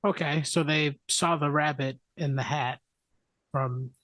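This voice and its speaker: A man's voice: a little high, steady tone, a little slow, bright, forceful tone, no room sound. A man co-hosting a podcast, joking and swearing in casual chat. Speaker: podcast co-host.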